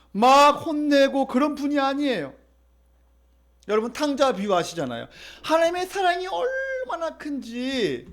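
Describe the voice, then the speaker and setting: A man preaching as a pastor, leading the congregation through reading and repeating scripture. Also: very high-pitched. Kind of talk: sermon.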